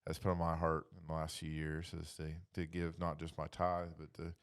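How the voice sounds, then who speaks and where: A man with a low, clear and resonant voice leads a casual discussion about faith, keeping his intonation fairly flat. He reflects aloud as he goes, halting now and then and padding his phrases with "you know."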